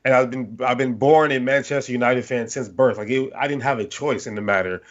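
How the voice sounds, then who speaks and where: A London-born man of Nigerian heritage co-hosts a sports podcast, telling a long, rambling story in casual conversation. His mid-range voice moves a little fast, animated and full of restarts, on slightly dull lo-fi audio.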